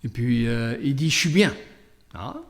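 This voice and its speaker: A Canadian French-accented priest speaks at medium pitch, a little slowly, with some vocal fry. He reads from the gospel and offers a conversational sermon, reflecting through an anecdote with hesitant asides.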